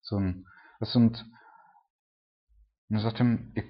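Husky-voiced man preaching casually. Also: fairly low pitch, steady tone, takes it slowly, muffled recording. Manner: conversational, frequent tag "ne?" and "so". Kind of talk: casual sermon.

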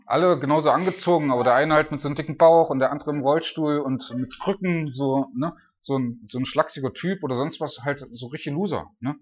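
A man's voice: on the high side, brisk, hardly any pauses, highs cut off, slight background noise. A man preaching in a loose, chatty way, full of filler words. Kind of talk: casual preaching.

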